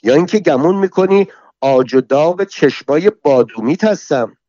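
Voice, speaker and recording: A man's voice: fairly high pitch, animated, dry recording, highs cut off. A man voicing a foul-mouthed, quarrelsome middle-aged woman, hurling insults while reading a story aloud. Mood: furious. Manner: shouting insults, scolding.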